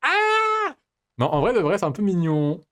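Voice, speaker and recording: A man's voice: on the high side, fast, darkish tone. A man streaming himself playing a game, commenting in a playful, joking way and laughing often. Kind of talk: let's play commentary.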